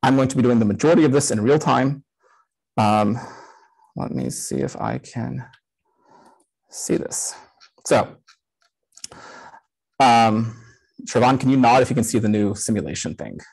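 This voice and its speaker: Speaker, man in his 30s, husky voice that moves around a lot in pitch; relaxed live-coded talk through a headset. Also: unhurried, pauses often, low-quality recording. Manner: casual, many "um" fillers. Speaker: conference speaker.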